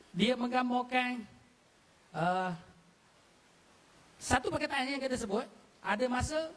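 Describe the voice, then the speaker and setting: Panel speaker, male, unusually high pitch, chatty explainer who chuckles a lot. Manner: quizzes the audience, chuckles often. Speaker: panel speaker on local dialect. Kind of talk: explanatory forum talk.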